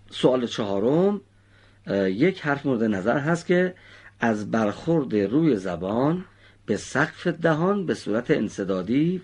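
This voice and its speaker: A man's voice: medium pitch, a little mellow, slightly rough. A male teacher patiently quizzing his pupils and praising their answers. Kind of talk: classroom teaching with questions to pupils.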